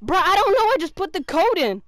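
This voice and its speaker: A young man chatting while gaming, excitable and out of breath, yelling as he talks. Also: very high voice, fairly quick, no room sound. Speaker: gamer. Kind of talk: casual gaming chat.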